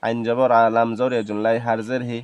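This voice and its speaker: A man teaching Quran reading, naming each letter and vowel mark, then chanting the verse slowly. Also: medium pitch, monotone, darkish tone, clear, resonant tone. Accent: Bangladeshi Bengali. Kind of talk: slow spelling-out recitation lesson.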